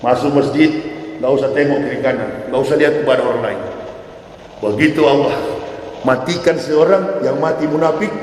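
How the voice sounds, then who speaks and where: A male preacher giving a lively, joking sermon that keeps breaking into shouts, in a mosque. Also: medium pitch, a little fast. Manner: animated, joking, bursts into shouts. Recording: echoey hall with long reverb, faint noise.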